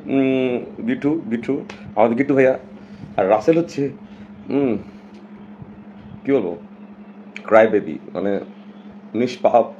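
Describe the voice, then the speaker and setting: A man's voice: lowish voice, warm tone, highs cut off, slight background noise. A man from Bangladesh, talking casually and emphatically to his viewers on a live stream and slipping English phrases in.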